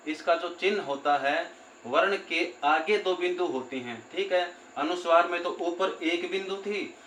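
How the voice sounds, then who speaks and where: A man teaching a grammar lesson who repeats each point and slows down to spell out word parts. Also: fairly high pitch, fairly bright tone. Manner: repeats points, often says "theek hai" and "doston". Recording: echoey room with faint background noise.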